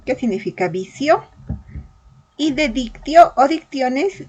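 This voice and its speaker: A woman teaches a language lesson at a slow, careful pace, stating one example after another. Her voice is slightly husky and sits a little high. Her pitch moves a lot as she stresses each word. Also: expressive, darkish tone, poor audio. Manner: slow, deliberate, spelling out examples. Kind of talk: verbal reasoning lesson.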